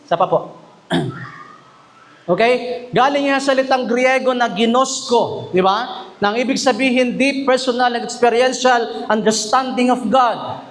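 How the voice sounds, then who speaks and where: In a very high, somewhat bright voice, a pastor preaches a sermon in a church chapel, mixing English and Tagalog. He often puts questions to the congregation and reads verses slowly.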